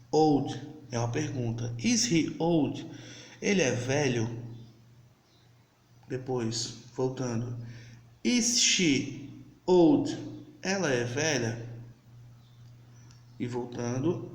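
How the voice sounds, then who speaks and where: A man with a Brazilian Portuguese accent teaching English in a recorded video lesson. He explains step by step, checks in with his students often, and says the English example sentences slowly and clearly. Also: mid-range voice, roomy sound.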